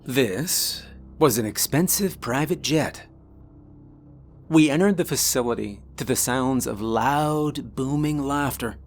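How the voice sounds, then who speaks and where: Slow, measured male storyteller. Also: medium pitch, faint music behind. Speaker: minister. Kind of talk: scripted story narration.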